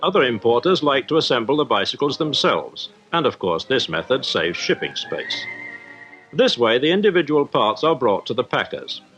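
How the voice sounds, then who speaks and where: Speaking at a moderate pace with big pitch swings in a medium range, this British man presents a formal scripted explanation as an industrial correspondent for a 1950s newsreel. Music sits behind his voice on the dull soundtrack.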